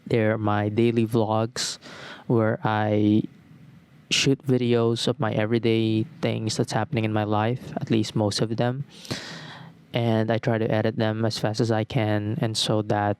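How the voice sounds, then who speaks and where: Reflective young man, smooth voice. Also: lowish voice, little pitch movement, a little slow, darkish tone. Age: 20s. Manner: thoughtful, repeats phrases in lists. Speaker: podcast host. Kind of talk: reflective solo talk.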